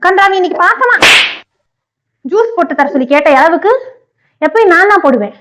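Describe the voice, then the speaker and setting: High-pitched Tamil woman pleading frantically. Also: expressive, a little fast, heavy background noise. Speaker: wife in a prank vlog. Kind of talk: casual couple banter.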